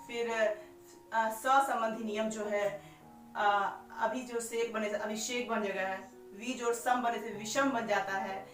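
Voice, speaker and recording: High-voiced woman teaching in an echoey room. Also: a bit bright. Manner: repeats each step with rhetorical questions; stretches out sounds while spelling them. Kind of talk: classroom-style explanation. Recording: echoey room, far from mic, faint music.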